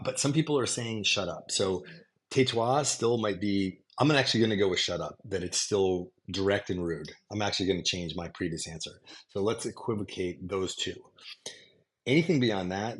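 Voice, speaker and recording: Deep-voiced man explaining English. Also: normal speed. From United States. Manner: emphatic, repeats "okay?" to check in. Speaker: English teacher content creator. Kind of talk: casual explanatory monologue. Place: home in France.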